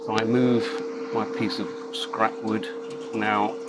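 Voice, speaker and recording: A man giving a measured, matter-of-fact step-by-step demonstration as a tutorial presenter, recorded with machine noise behind him. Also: lowish voice, level tone. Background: laser cutter machine noise.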